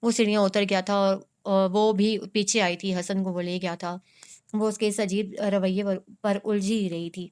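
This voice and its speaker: A woman narrating a romance novel in a steady, measured way. Her voice is clear and smooth, with a flat, even pitch that barely moves. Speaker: novel reader. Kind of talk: scripted narration.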